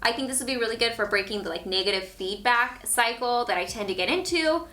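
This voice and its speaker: A woman's voice: fairly high pitch, lively intonation, fast talker, pushed and bright. A young woman vlogger talking casually to camera about books she has read, often saying "like". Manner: chatty, frequent "like" fillers.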